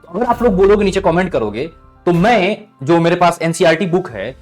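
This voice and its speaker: A man's voice: sits high, big pitch swings, fairly quick, a little mellow, soft background music. A male chemistry teacher giving an exam-prep lesson, calling students "beta" and checking in with "thik hai?" after each point.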